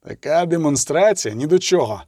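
Male reader voicing a firm, unmoved imperial officer in an audiobook; even and commanding, dry close sound. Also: a little high, normal speed, no echo. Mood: cold. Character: stern imperial male official, calm and unyielding.

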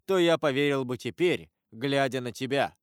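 A man voicing a stern, solemn avenger disguised as a priest, speaking gravely and in measured sermons. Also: medium pitch, no room sound, studio quality, natural voice. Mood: preaching.

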